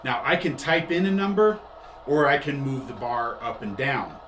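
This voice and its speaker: As the host demonstrating a product, a man explains conversationally and often says the same thing in new ways. His mid-range voice has big pitch swings, a fairly bright tone, and a moderate pace. Faint background noise and echo fill the room.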